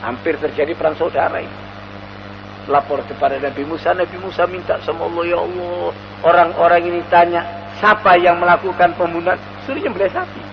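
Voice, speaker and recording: High-voiced preacher in echoing hall. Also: male voice, creaky, highs cut off, background noise. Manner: animated storyteller, chants Quranic verses slowly. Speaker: Islamic preacher. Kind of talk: sermon storytelling. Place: mosque hall.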